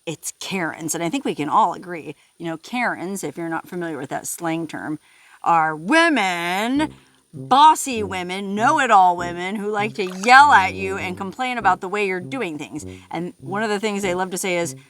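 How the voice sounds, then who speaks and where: A woman's voice: lowish voice, animated, moderate pace, a bit bright, dry recording. Jokey woman rambling on her travel vlog out in a canyon, chatty and easygoing. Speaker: travel vlogger. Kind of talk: casual vlog narration. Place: outdoors in a desert canyon.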